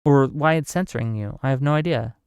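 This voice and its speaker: The speaker is a livestream host in his forties, casually discussing politics, reading chat questions aloud, answering them and thinking as he goes. His mid-range voice is brisk, clear and resonant, with a darkish tone. The sound is clean studio audio with no room sound.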